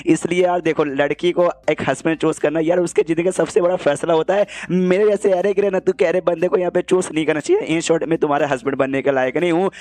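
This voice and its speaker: A man voicing an exasperated young male cultivator pleading with a clingy girl, in a slightly lowered version of his own voice. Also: darkish tone, no echo, natural voice.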